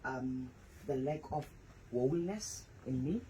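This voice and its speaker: A woman's voice: very deep voice, animated, takes it slowly, mellow, slight background noise, rough recording. A woman in her forties, a pastor and author, candidly telling her personal story in a radio interview. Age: 40s.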